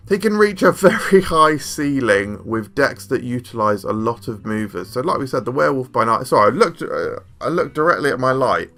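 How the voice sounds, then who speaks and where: A man's voice: mid-range voice, creaky, sharp tone. A young man hosting a casual card game review, jokey and rambling, often poking fun at himself. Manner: jokey, rambling, self-deprecating. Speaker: card game video host.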